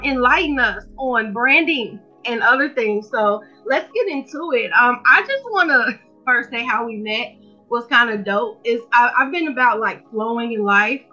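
A woman's voice: sits high, bright, forceful tone, lo-fi sound. A woman hosting a podcast in a casual, chatty, informal and slangy way. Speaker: podcast host.

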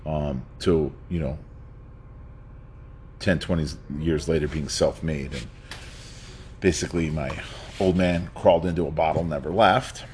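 A New York man in his fifties tells his life story as a guest, rambling casually and laughing often, with many fillers and restarts. His voice rumbles low with a steady, darkish tone at a measured pace with long pauses. There's slight background noise.

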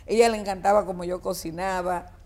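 A woman's voice: on the low side, fairly even intonation, fairly quick, a little mellow. An older woman from the Dominican Republic with a Dominican accent, a singer reminiscing in an interview with many fillers and restarts. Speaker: guest singer.

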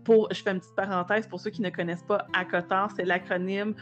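A woman's voice: medium pitch, level tone, fast talker, muffled recording, faint music behind. Enthusiastic Québécois woman podcast host. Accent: Québécois French. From Quebec. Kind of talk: casual podcast interview.

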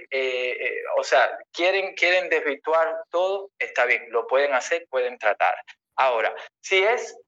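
A man with a bright, forward voice talks insistently, defending himself and repeating his points whenever someone cuts in. The sound comes through a dull, lo-fi stream, and his pitch sits in the middle. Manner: insistent, self-justifying, repeats himself when interrupted. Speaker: summit organizer speaking on a call-in talk stream. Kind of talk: heated live discussion. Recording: lo-fi stream audio.

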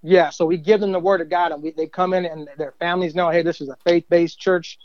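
Middle-aged church volunteer, casual rambling testimony, slightly high voice, dry. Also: male voice, fairly even intonation, quick pace, dry recording, highs cut off. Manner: rambling, many fillers and "you know what I mean". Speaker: guest, church usher and youth minister.

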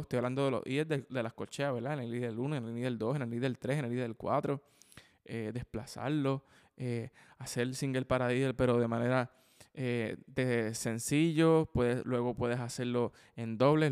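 Drum teacher a resonant voice. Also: male voice, mid-range voice, clear, resonant tone. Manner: explains with frequent "ok?" and "¿verdad?" checks, counts sticking aloud. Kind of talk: instructional video lesson. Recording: long hall reverb.

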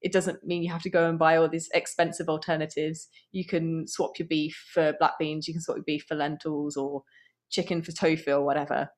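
A woman's voice: low-pitched, little pitch movement, brisk, a little mellow. A woman appearing as a podcast guest, explaining her ideas in a thoughtful, earnest way. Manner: thoughtful and earnest, with fillers and restarts. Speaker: guest, app founder. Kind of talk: casual conversational interview.

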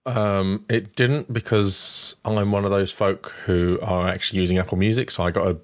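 A man co-hosts a podcast in casual conversation. His voice is low, and the recording is dry with little room sound. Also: steady tone, normal speed, no room sound. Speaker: podcast co-host.

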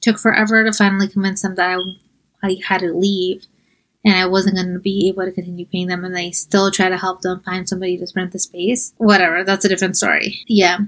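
A woman's voice: lowish voice, brisk, low-quality recording. A young woman from New York, a podcast host, chatting in a casual storytelling monologue and acting out the dialogue as she goes. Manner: chatty and animated, quotes people in dialogue. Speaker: podcast host and mental health coach.

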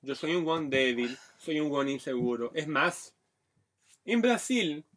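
A Brazilian man in his thirties, Portuguese being his first language, co-hosts a podcast in a Brazilian accent, chatting casually and telling frank tales full of Chilean slang. His voice is on the high side and a bit bright, with lively intonation and a measured pace.

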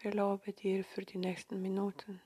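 A woman guiding a meditation in a soft, breathy spa-like half-whisper, giving gentle, soothing instructions with long pauses. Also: mid-range voice, monotone. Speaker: meditation guide.

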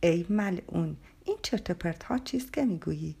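A woman's voice: fairly low pitch, lively intonation, creaky, mellow, slightly rough, full character voice. A woman voicing a harsh, bullying young male policeman in a storybook reading, scolding and menacing. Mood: threatening.

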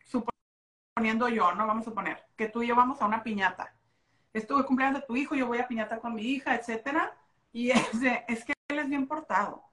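Mexican woman co-host, slightly high voice, lively slangy storyteller, casual podcast chat. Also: a little fast. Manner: animated storytelling, slangy, expressive. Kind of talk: casual chat about motherhood.

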